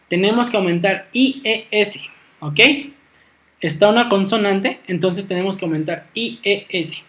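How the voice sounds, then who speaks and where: A Spanish-speaking teacher explaining grammar rules patiently, spelling out letters slowly and checking in with "ok" after nearly every point. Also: mid-range voice, a bit bright. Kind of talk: recorded online grammar lesson.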